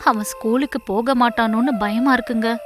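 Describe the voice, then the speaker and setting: A man voicing a caring village mother who speaks softly and coaxingly, in a storybook reading. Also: very high-pitched, steady tone, normal speed, soft background music, voice pushed up. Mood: worried. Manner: soft, coaxing, affectionate. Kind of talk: storybook voice acting.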